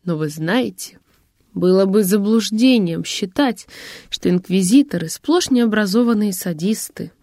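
A woman's voice: mid-range voice, animated, unhurried, dark tone, dry recording, studio quality. A woman reading the lines of an elderly, enthusiastic bookseller in an audiobook, chatty and admiring. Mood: eager.

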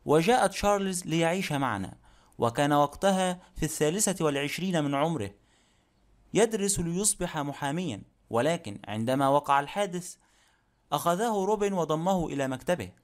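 A man's voice: on the high side, expressive, brisk, lightly acted. A man reading an audiobook, voicing a stubborn, self-assured elderly widowed woman who speaks firmly. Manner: firm, self-assured speech.

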